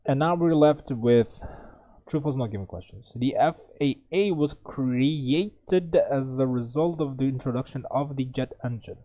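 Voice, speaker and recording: A young IELTS tutor reads an exam passage aloud, stumbling and correcting himself often, then reasons his way through the answers. His voice is mellow and medium-pitched, and he speaks a little slowly.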